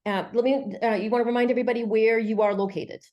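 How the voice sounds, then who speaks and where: A woman's voice: a little high, fairly even intonation, fast talker, lo-fi sound. A woman hosting an online webinar in a chatty, friendly way, with many fillers. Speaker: webinar host.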